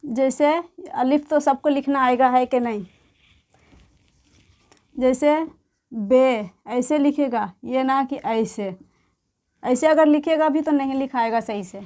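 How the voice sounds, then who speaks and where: A woman teaching beginners to read and write, explaining patiently and repeating each word and letter slowly. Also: high-pitched, darkish tone. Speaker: Urdu teacher. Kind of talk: slow explanatory lesson.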